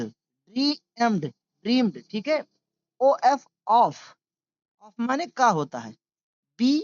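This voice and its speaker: Man for a slow, patient beginner reading lesson, spelling and repeating each word. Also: high voice, dry recording, muffled recording. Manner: spells words letter by letter, then translates; patient, repetitive drilling. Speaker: English reading teacher.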